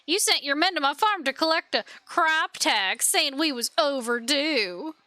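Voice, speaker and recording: Aggrieved village folk from a fantasy game, voiced by a woman, grumbling in a twangy put-on Southern drawl. The tone is indignant and blunt, pitched high with a bright edge. It is recorded dry and close, with faint game music underneath. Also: lively intonation, a little slow, no echo, exaggerated voice. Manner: indignant, complaining. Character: aggrieved rural villagers, adult men, angry and blunt.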